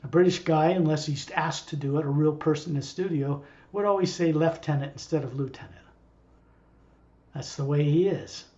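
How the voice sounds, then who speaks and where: A man's voice: a little high, moderate pace, a little mellow, highs cut off. A man who acts as a spiritual teacher, talking casually and digressively to a small group. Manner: rambling, digressive.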